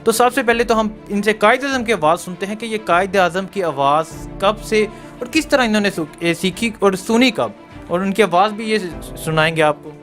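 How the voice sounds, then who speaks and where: Higher-voiced guy interviewing and talking to viewers, upbeat, faint music behind. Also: a bit bright. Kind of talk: presenting to viewers.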